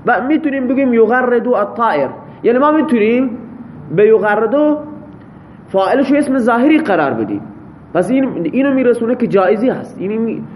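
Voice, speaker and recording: A man leads a classroom grammar lesson, breaking each example sentence into its parts and checking with students as he goes. His voice sits high for a man, and he pauses on thinking fillers while working things out aloud. A faint background noise runs under the talk. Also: animated, darkish tone. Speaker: teacher.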